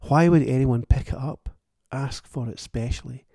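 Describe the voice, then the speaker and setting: A man's voice: medium pitch, moderate pace, gravelly, dark tone, no room sound, clean studio sound. A man who writes books, hosting his own show in a wry, plain-spoken and thoughtful solo monologue. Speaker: author and podcast host.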